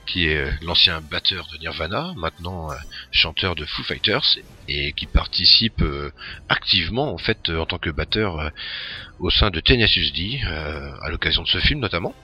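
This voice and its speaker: A man's voice: low-pitched, sharp tone, husky. A man hosting a casual talk about a film, hesitant and full of fillers. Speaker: host presenting a film. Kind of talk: casual chat.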